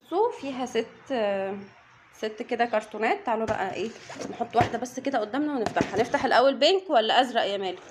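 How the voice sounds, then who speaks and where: A young mother who runs a family vlog chats casually with viewers in an Egyptian Arabic accent while unboxing snacks and counting items out loud. Her voice sits on the high side, animated and rapid-fire, with background noise present.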